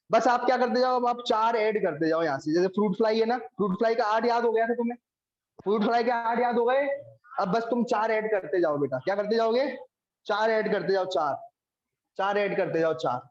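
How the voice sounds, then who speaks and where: A man teaching biology, coaxing his students and repeating each question back to them. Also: high voice. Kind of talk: classroom lecture. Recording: echoey room, dull lo-fi sound.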